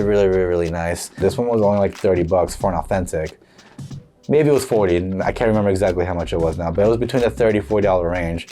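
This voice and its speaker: A man showing off his football jersey collection in a casual, upbeat, chatty way, his voice a bit rough from being sick. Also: fairly low pitch, mellow. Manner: chatty, upbeat, filler-heavy. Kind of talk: casual show-and-tell.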